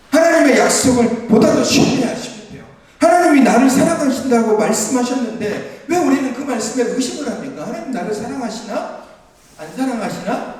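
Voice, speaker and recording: High-voiced pastor in an echoing church. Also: male voice, darkish tone. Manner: earnest, exhorting, with light laughs. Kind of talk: sermon. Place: church sanctuary. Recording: echoey church hall from far off.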